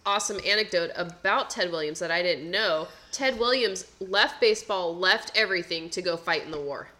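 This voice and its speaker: A woman's voice: lowish voice, normal speed, bright, forceful tone. A woman co-hosting a podcast, casually telling baseball history stories with dry asides. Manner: anecdotal storyteller, dry asides. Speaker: podcast co-host.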